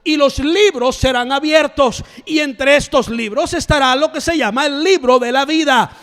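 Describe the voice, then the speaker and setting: A male pastor preaching a sermon with passion. He swings between shouted lines and hushed low ones and repeats phrases for emphasis. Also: normal speed, in a large hall.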